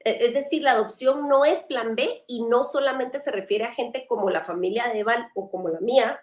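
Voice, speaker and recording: A woman's voice: a little high, normal speed. A woman hosting a church panel discussion, earnest and conversational, asking pointed questions. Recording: roomy echo.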